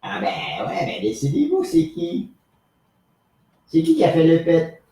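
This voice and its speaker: A boastful, cranky old man, as a man puts him on, rambles through an improvised comic live stream. His pitch sits a little high and swings wildly, often shooting up into a squeak. The recording sounds roomy and echoey. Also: wildly swooping pitch, measured pace, dark tone, a little hiss or hum. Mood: rambling.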